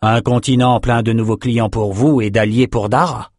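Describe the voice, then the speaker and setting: A man's voice: medium pitch, steady tone, moderate pace, a little mellow, no room sound, studio quality, lightly acted. A man narrating a story voices a practical, matter-of-fact male general.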